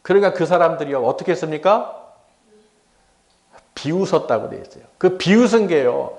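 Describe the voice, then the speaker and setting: A man's voice: fairly high pitch, animated, normal speed, creaky, a little mellow. A middle-aged man preaching a sermon as pastor. He dramatizes the voices of scoffers and of Jesus, and he calls out to the congregation for amens.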